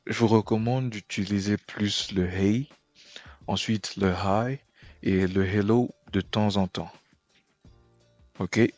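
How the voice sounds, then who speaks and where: A man's voice: fairly low pitch, a little mellow, no echo. A man teaching English pronunciation and greetings in a patient, explanatory way, often checking in with "ok?". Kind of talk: explanatory language lesson.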